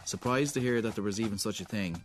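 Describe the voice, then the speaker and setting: A man reading scripted documentary narration in a measured way. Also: on the low side, faint music behind. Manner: measured, clear delivery. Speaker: reporter, narrator.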